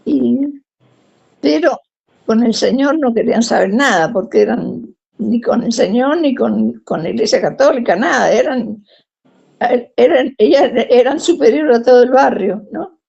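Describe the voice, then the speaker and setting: A woman's voice: a little high, unhurried, gravelly, husky, lo-fi sound. A woman with a Rioplatense Spanish accent tells a personal testimony, acting out the voices of the people in her story. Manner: animated, acts out quoted speech.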